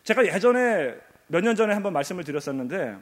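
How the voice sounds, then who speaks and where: A man's voice: high voice, sing-song, fast, long reverb tail. A male pastor preaching a sermon, emphatic and repetitive, asking rhetorical questions, in a church sanctuary.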